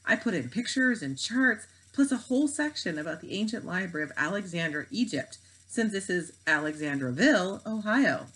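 A woman's voice: medium pitch, moderate pace, hardly any pauses, lightly acted, poor audio. A woman reading aloud, voicing an eager, enthusiastic schoolboy. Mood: excited. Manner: eager, excited. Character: enthusiastic boy, library society president.

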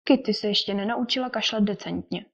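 A woman reading the lines of a dry, teasing older English gentleman and father in an audiobook. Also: mid-range voice, vocal fry, breathy edge. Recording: dull lo-fi recording.

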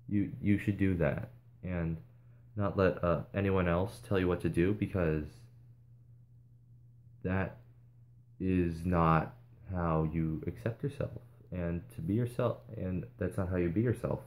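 A vlogger speaking to viewers in a casual, earnest way, hesitating often and restarting sentences. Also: male voice, low voice, a little slow, long pauses, darkish tone. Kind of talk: casual advice vlog.

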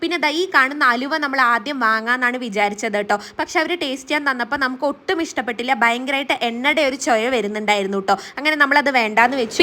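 A woman from Kerala talks through her family travel vlog in a quick, chatty voice-over. Her voice sits high, and she rattles along at a fast clip, often ending sentences with friendly little tags. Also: sharp tone. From Kerala, India. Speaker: family vlogger. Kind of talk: casual vlog voice-over narration.

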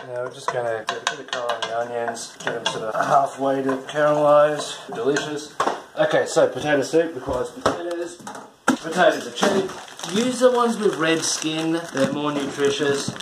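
A man in his thirties talks through a recipe in a relaxed, irreverent way, with the odd casual curse. He is picked up by a camera mic a few feet away in a small home kitchen. The room is echoey, and pots, pans and dishes clatter loudly behind him. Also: on the high side, moderate pace, heavy background noise. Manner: chatty, irreverent, swears casually while working. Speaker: home cook hosting a cooking show. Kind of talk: casual cooking demonstration. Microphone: camera mic filming from a few feet away.

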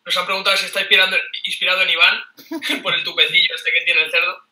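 He sits high in pitch with little movement, talking at a quick pace in a bright, forceful tone, far from the mic. This Spanish man in his thirties, a board game YouTuber, guests on a casual video-call interview from a small room at home, telling energetic stories and laughing frequently. His webcam mic captures roomy, off-mic sound.

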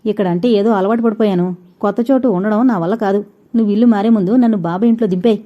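A woman voicing a stubborn, sharp-tongued older mother-in-law in a storybook reading, blunt and scolding. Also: mid-range voice, fast, lo-fi sound, close to an everyday voice.

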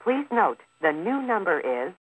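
A woman's recorded telephone intercept message, with the words spliced together so each phrase jumps in pitch and sounds choppy. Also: sing-song, measured pace. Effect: recorded phone intercept message made of spliced-together words. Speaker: automated phone announcement. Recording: distant, noisy phone line recording.

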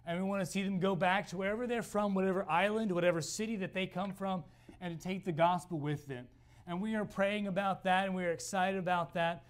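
A young man with a hoarse, failing voice, giving a missions talk in church, halting and often repeating words. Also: sits high, fairly even intonation. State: hoarse, losing voice. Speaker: missionary speaker.

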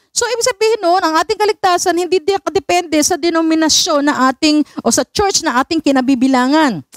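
Filipino woman pastor, high and lively voice, dry close sound, sermon mixing Tagalog and English. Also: no room sound. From Philippines. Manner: animated preaching, mixes Tagalog and English, asks the congregation for affirmation.

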